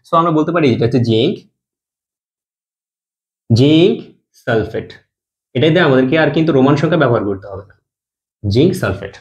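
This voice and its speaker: Here a male chemistry teacher speaks in a voice on the high side with a darkish tone. He explains in careful steps, answering questions he raises himself, with his voice sinking at the close of each compound's name.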